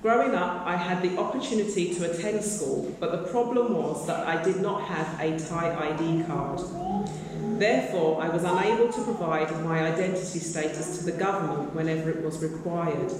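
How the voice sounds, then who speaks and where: A woman reading a written personal account aloud to a gathering in a steady, measured way. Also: on the low side. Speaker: missionary giving a report. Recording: echoey hall, mic far off, faint noise.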